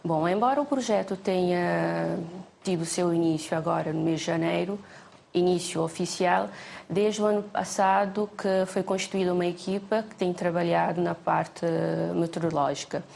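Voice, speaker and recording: A woman from a statistics institute explaining a project on a TV show, measured and hesitant with many fillers. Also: fairly low pitch, vocal fry, darkish tone. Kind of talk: TV studio interview.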